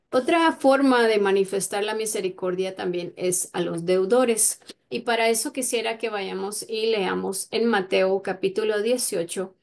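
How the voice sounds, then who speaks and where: Woman Bible teacher, gravelly mid-pitched voice, chatty and unscripted. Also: darkish tone. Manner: conversational, many fillers and "verdad?" tags.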